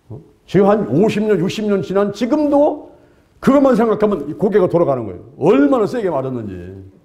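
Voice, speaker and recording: A man in his sixties preaches with a high voice that leaps up and down. He delivers his sermon emphatically and dramatically, throwing himself into the prayers he quotes as if he were saying them. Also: darkish tone. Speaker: pastor.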